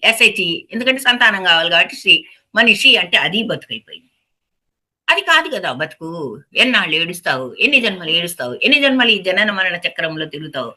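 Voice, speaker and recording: With a voice on the low side yet bright and forceful, a woman gives a spiritual discourse as a meditation teacher. Rhetorical questions to the audience and repeated phrases for emphasis run through her talk.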